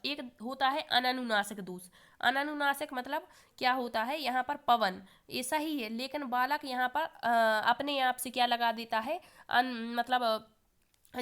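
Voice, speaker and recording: A woman's voice: on the high side, a bit bright. A woman teaching an exam-prep lesson who keeps putting questions to the learners and then answering them herself, with a cough now and then.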